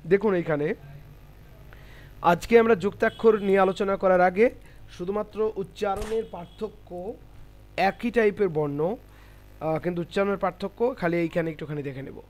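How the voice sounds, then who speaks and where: Man teaching Arabic letter sounds slowly. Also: high voice. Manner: slow, repetitive, careful demonstration of Arabic letter sounds. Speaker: Quran reading teacher. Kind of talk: online class lesson. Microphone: computer mic on a video call.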